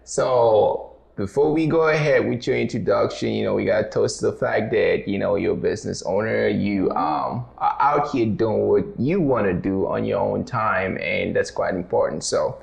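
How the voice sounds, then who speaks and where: A man's voice: on the low side, normal speed, creaky, few pauses, roomy sound, poor audio. A man hosting a casual interview podcast, easygoing and full of fillers, asking playful questions. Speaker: podcast host.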